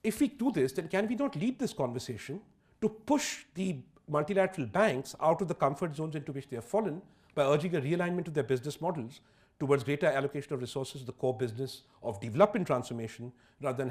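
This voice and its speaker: A man's voice: medium pitch, a little mellow. A man giving a public lecture on economics, emphatic and wry, full of rhetorical questions.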